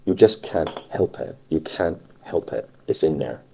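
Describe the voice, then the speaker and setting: A man from Cornwall with a Cornish West Country accent, chatting casually in a halting way and repeating phrases for emphasis. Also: very deep voice, lively intonation, gravelly, mellow, slightly rough. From Cornwall, England. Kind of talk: casual conversation about dialect. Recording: muffled cassette recording.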